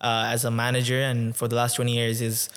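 Smooth-voiced young man, level delivery. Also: mid-range voice. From Tanzania. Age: 20s. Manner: relaxed, many "um"s, measured and reflective. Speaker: podcast guest. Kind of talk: conversational interview.

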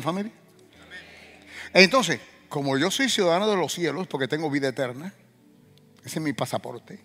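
A man preaching a sermon as pastor, calling out questions to the congregation and breaking into loud, rising bursts. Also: fairly high pitch, long reverb tail.

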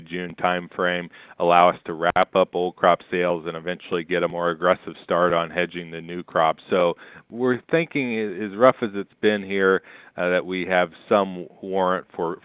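A man comes through a telephone line, his voice low and smooth despite the thin, narrow band of the call. He speaks in a measured, steady way, pausing on fillers as he walks through the markets. The sound is dry, with no room around it. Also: no room sound. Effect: heard over the phone. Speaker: market analyst guest. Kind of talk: market commentary.

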